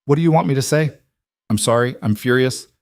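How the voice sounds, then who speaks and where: A man's voice: mid-range voice, fairly quick, dry recording, studio quality, voice pushed up, close to an everyday voice. A man reading the lines of a young mafia boss husband, tense, clipped and firm. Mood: strained.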